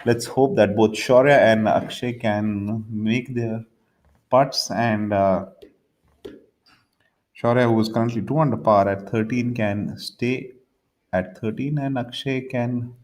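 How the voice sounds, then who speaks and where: A man working as a golf commentator on a live tournament, talking in a measured, wordy, analytical way. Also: fairly low pitch, a little mellow. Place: indoor air-conditioned commentary room.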